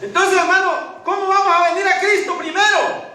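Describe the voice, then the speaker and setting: High, bright-voiced preacher in echoey church. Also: male voice, fairly even intonation, normal speed, far from the mic. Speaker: pastor. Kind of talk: sermon. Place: church hall. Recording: echoey church hall from afar, faint hiss.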